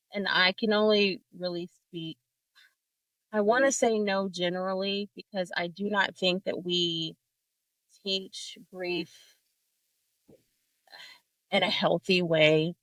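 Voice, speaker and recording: Woman guest on a grief talk, tender and reflective, slow pace, dry close sound. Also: fairly low pitch, a bit bright, dry recording, rough recording. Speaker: podcast guest. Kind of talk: personal sharing in conversation.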